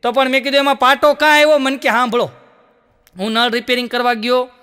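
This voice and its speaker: His voice is very high, pushed and bright yet smooth, with a level tone and quick pace. This stand-up comedian tells Gujarati jokes on stage, acting out every character and laughing between punchlines, in a recording with long hall reverb.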